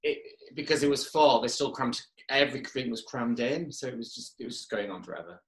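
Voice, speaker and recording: A man's voice: mid-range voice, expressive, a little fast, a bit bright. A man chatting casually as a guest on a podcast. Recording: echoey room.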